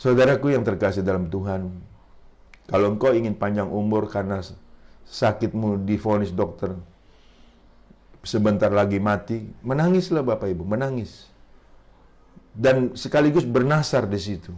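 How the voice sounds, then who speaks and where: A man's voice: fairly low pitch, normal speed, long pauses, a little mellow. A man in his fifties preaching a sermon as pastor, emphatic and often addressing the congregation directly. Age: 50s.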